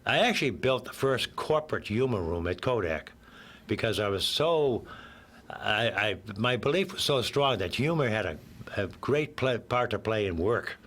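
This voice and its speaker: On a radio show, an older guest whose voice is lowish, a bit bright and rough from a cold talks at a moderate pace. His intonation is lively as he wanders off topic now and then, cracking jokes and chuckling at them himself.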